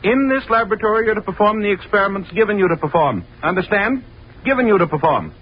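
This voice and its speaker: An actor playing a stern, exasperated, pompous professor with clipped formal phrasing in a 1930s radio drama. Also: male voice, sits high, sing-song, fast. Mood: stern, sarcastic. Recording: dull, noisy 1930s radio recording.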